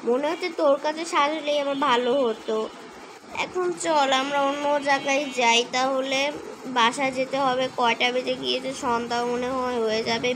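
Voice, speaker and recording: A woman acting out a story alone, chatty and bossy with her friend. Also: high-pitched. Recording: noisy home recording.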